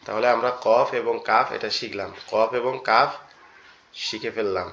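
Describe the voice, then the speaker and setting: A man's voice: lowish voice, fairly bright tone, a little hiss or hum. Male teacher, online lesson, patient and repetitive delivery, dull lo-fi audio. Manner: patient, repeats each point slowly. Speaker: Quran teacher. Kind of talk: online lesson on Arabic letters.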